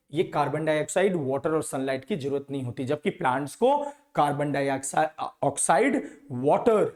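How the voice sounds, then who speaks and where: A man's voice: on the high side, darkish tone. A man teaching a science lesson to schoolchildren, repeating words and asking questions that he then answers himself. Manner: repetitive call-and-response questioning.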